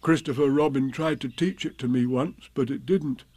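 A man voicing a gentle, slow-witted, dreamy toy bear in a children's storybook, with a vague, drawn-out delivery. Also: medium pitch, natural voice. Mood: dozy, puzzled. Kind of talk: children's storybook character reading.

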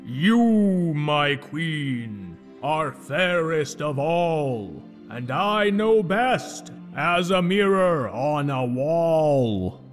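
Grandiose magic-mirror figure for a storybook podcast, deep and slow, long echo, melodic swoops; man voices it. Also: soft background music, full character voice. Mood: fawning. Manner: slow, drawn-out flattery.

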